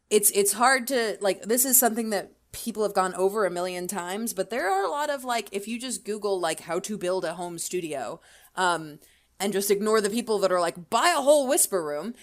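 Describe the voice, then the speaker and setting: A woman appearing as a voice actor guest on a podcast offers casual advice in a low voice, chatting freely with plenty of ums and restarts.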